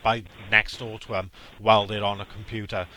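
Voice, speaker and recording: A man's voice: lowish voice, level tone, normal speed, pushed and bright, a little hiss or hum. A man from South Wales with a Welsh accent, a scambaiter earnestly giving advice over a phone call, often stammering as he restarts. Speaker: scambaiter host.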